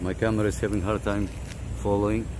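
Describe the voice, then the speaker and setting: Against a noisy backdrop, a man who runs a radio channel talks quickly in a low, fairly flat voice. Using CB lingo and plenty of fillers and repetition, he chats on the radio from a parked car and later walks viewers through things outdoors on camera.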